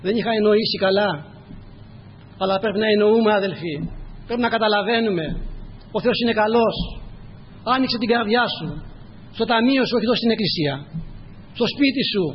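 A man's voice: high-pitched, long pauses, big-room sound, dull audio, a little hiss or hum. A man preaching a sermon in a church, reading scripture and urging his listeners with repeated direct appeals. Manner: repetitive exhortations, direct address to listeners.

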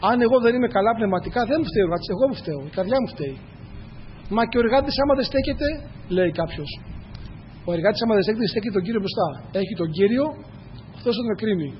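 Guy preaching a sermon, kinda high voice for a man, earnest, keeps repeating himself, dull echoey church recording. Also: slight background noise. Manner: earnest, repetitive, addresses the congregation directly. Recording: echoey hall, dull lo-fi sound.

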